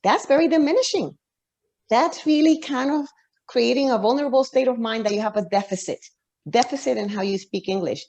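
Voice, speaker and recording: A woman's voice: fairly high pitch, a little fast, darkish tone. A woman author, a guest on an interview show, giving long reflective answers full of restarts and fillers.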